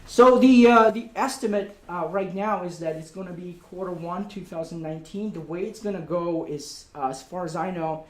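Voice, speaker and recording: A man giving an informal meetup presentation in a hesitant, halting way, often repeating words. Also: high-pitched. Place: indoor meetup room. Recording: echoey room recording.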